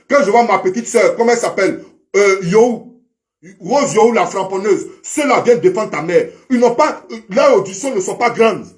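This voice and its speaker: A man delivering a preachy, repetitive monologue to a fellow online commentator, heavy with proverbs and addressing him as brother. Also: high voice. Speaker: social media commentator. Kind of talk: impassioned monologue to camera.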